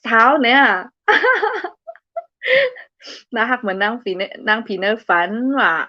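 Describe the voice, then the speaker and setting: Reading out viewer comments on a casual live stream, a young woman with a medium-pitched voice speaks briskly, giggling and laughing often between playful remarks. The recording is dry, with the highs cut off.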